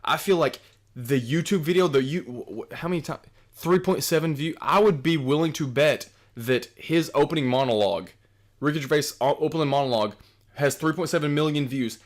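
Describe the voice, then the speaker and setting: A man's voice: a little high, fairly quick. A tipsy man in his thirties giving casual, profane, rambling commentary as a reaction show host. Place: small room indoors. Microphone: desk microphone.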